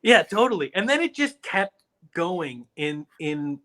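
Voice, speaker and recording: In a high-pitched voice and at a measured pace, a man co-hosting a podcast recounts stories in easygoing banter. He acts them out with animation, impersonating the people involved in mocking tones.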